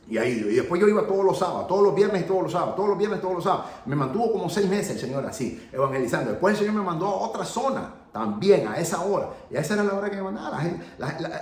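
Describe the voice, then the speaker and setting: Guy preaching a testimony, voice jumps all over, kinda high, echoey room. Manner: animated storytelling, laughing at himself. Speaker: evangelist preacher. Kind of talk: sermon testimony teaching.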